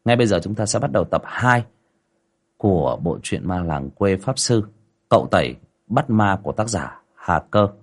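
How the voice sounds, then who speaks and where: Gravelly man telling ghost stories. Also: deep voice, normal speed. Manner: dramatic storytelling with lively rises and falls. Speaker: ghost story narrator and livestream host. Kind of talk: livestreamed ghost story reading.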